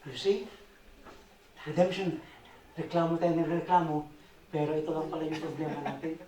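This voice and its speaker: A church member giving an animated, expressive sermon-like testimony. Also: medium pitch, moderate pace, crowd noise. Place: church hall in Las Vegas. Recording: echoey hall, distant mic.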